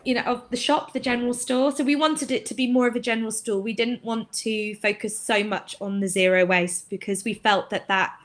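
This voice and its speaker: A woman raised abroad, now a shop owner, talking casually in a webinar interview with many pauses and fillers. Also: fairly high pitch, steady tone, fairly bright tone. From England, raised in Greece. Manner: hesitant, many fillers, laughs easily.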